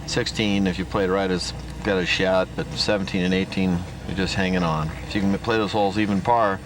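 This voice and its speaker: A man with a deep voice analyzes golf play in a conversational, slightly halting way. The commentary sounds distant from the mic, with loud outdoor noise throughout. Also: fairly even intonation.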